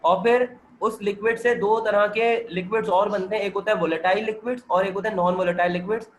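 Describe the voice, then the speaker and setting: A hoarse man, working through chemistry multiple-choice questions with a student on a video call and checking that the student follows. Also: high voice, fairly even intonation, fairly quick, slight background noise, poor audio. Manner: explains step by step and keeps checking that the student understands. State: hoarse, with a sore throat and cold. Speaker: chemistry teacher. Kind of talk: MCQ-solving lecture over video call.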